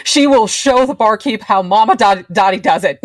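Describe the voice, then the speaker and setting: A woman playing a tabletop game, chatting casually with quick laughing asides. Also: mid-range voice. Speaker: player.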